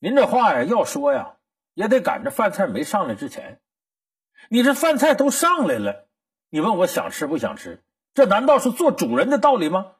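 A man voicing a clever, sharp-tongued ten-year-old boy who answers back pointedly, with a husky voice. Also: high-pitched, wildly swooping pitch, normal speed, pitched above the performer's own voice, exaggerated voice. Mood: indignant.

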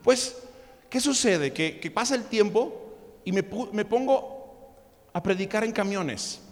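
A preacher with a notably high voice delivers a sermon, spinning animated stories and tripping into quick stammered restarts. His voice rings out with a long reverb, as in a large hall.

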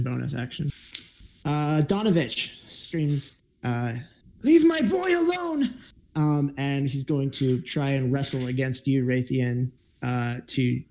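A man running a tabletop game as game master, relaxed and rambling, with many fillers. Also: mid-range voice, gravelly, a little hiss or hum.

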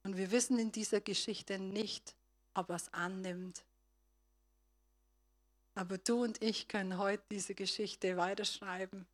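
Woman, preacher, sermon, middle pitch, speaks straight to the listeners, shifts between soft and strong. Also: fairly even intonation, unhurried, long pauses. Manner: retells a story with acted voices.

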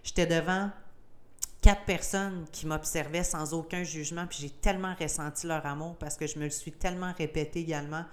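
A young Québécoise woman with a low, smooth voice tells a personal story on her podcast. She speaks candidly and with feeling, slipping English words into her Québécois French. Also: fairly even intonation, brisk. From Gaspésie, Quebec, Canada. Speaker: podcast host.

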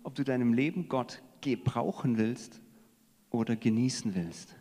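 A man preaching a sermon in a conversational way, swinging between emphatic stresses and hushed asides. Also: medium pitch, a little slow. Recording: long hall reverb.

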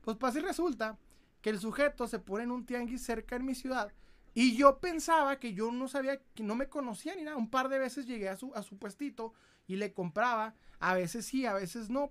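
A man's voice: extremely high pitch, a little fast, fairly bright tone. A man with a Mexican accent hosting a collectibles livestream, telling rambling, profane anecdotes in casual chat. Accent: Mexican Spanish.

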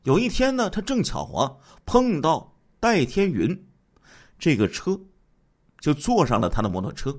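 Animated male true-crime storyteller. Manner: animated storyteller, sweeping pitch jumps, drawn-out particles. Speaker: narrator of a true-crime radio program. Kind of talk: dramatic storytelling narration.

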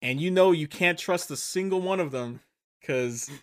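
With a slightly high voice at a moderate pace, this podcast co-host recaps a movie casually, rambling on, correcting himself as he goes, and laughing frequently.

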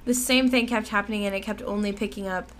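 Speaking fast in a mid-range, slightly bright voice with a steady tone, this young female podcast co-host keeps the chat casual, full of fillers, restarts and frequent laughs.

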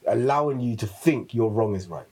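A man's voice: fairly low pitch, normal speed, slightly rough. A man with a London accent in casual group chat, acting out other people's voices as he talks. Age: adult with children. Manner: animated, acts out quotes in raised voices. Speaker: podcast co-host.

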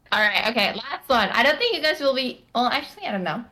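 Laughing, lively-voiced woman hosting. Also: sits high, brisk. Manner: laughs often, playful. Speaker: host teaching Korean sounds. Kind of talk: casual chat.

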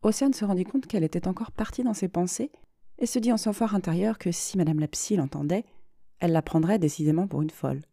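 A woman reads a story aloud in a steady, expressive way, her voice low and warm. The recording is close and dry, with no room sound. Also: fast talker, creaky, no room sound. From France. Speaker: podcast host and reader. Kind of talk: storybook narration.

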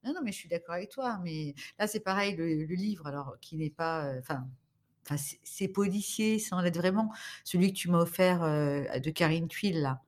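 Femme d'âge mûr, bavarde et hésitante. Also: female voice, on the low side, moderate pace, a little mellow. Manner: rambling, hesitant, full of fillers. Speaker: guest, the host's mother. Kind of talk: casual podcast chat about books.

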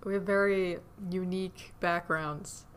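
A young adult woman co-hosting a podcast, relaxed and quick to laugh. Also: lowish voice, a little hiss or hum. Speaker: podcast co-host. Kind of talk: casual chat.

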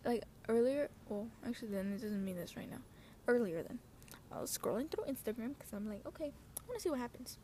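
A young adult woman with a high, dark-toned voice talks fast with lively intonation as she hosts a casual, rambling personal podcast. She speaks in a scattered, slangy way, often cutting herself off, while wind, passing cars, and outdoor ambient noise fill the recording.

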